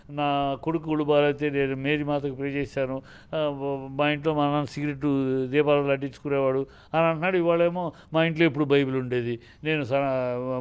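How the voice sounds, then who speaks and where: A man with a fairly high, smooth voice and a Telugu accent speaks combatively as a film producer in a heated interview. He sounds indignant and often breaks off mid-word, then starts again.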